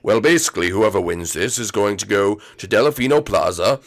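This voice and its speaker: A man's voice: lowish voice, expressive, fairly quick. A man voicing a vain, bossy giant plant monster who gives orders lazily. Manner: lazy, vain and commanding.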